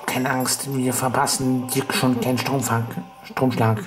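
A man voicing polite, helpful beeping magnet robot creatures in a game, talking in a hushed way. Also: medium pitch, little pitch movement, measured pace, heavy background noise, close to an everyday voice. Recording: loud game music behind.

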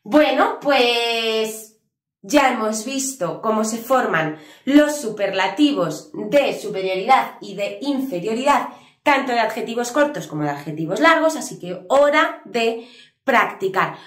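A woman teaching a video lesson, patiently spelling out letters and slowly repeating examples. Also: fairly high pitch, a bit bright, roomy sound. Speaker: English teacher. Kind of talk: video lesson explaining grammar.

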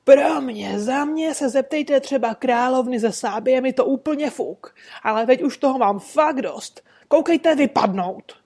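A woman's voice: high voice, hardly any pauses, darkish tone, voice pushed up. A woman reading an audiobook, voicing a furious, burly male market goose dealer who bellows coarse colloquial insults.

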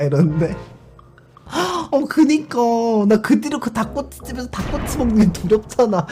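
A male streamer chatting casually and telling a story. He talks in an animated way, laughs often, and acts out other people's lines. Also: sits high. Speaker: YouTube streamer. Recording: background music under the voice. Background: music.

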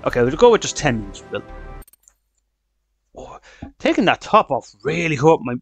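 A man with a headset, excitedly commentating his own shooter gameplay, swearing and shouting at the game. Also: a little high, normal speed, soft background music. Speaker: gaming channel host.

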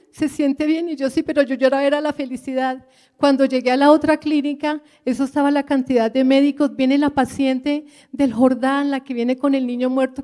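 A woman's voice: sits high, warm tone. Earnest woman giving a church testimony. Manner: earnest, addresses the congregation as brothers.

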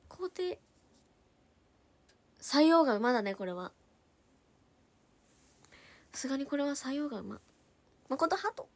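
A young woman idol chatting casually on a livestream, reading out and thanking viewer comments, quick-talking, now and then slipping into a Hiroshima dialect. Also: high voice, a bit bright, no echo. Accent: Hiroshima dialect in places.

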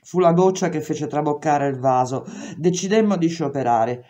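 A woman reading a memoir aloud in steady, measured first-person narration. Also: sits low. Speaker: reader.

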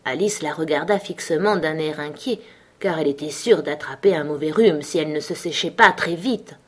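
A woman narrating a children's storybook in an expressive way. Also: sits low, moderate pace, husky.

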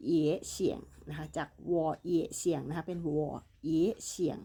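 A woman's voice: low voice, flat delivery, moderate pace, mellow, breathy edge. A woman teaching Chinese, patiently explaining and repeating words while reading a dialogue. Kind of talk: bilingual language lesson, reading a dialogue.

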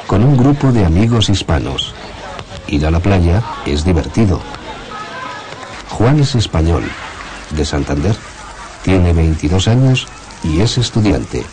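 A man giving slow, measured scripted narration for a language lesson. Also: sits low, poor audio. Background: music.

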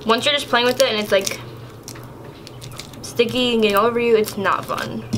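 A woman's voice: fairly high pitch, fairly even intonation, moderate pace, noisy background. A young woman casually reviewing products in a vlog, chatty and exasperated, with lots of filler words. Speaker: YouTuber.

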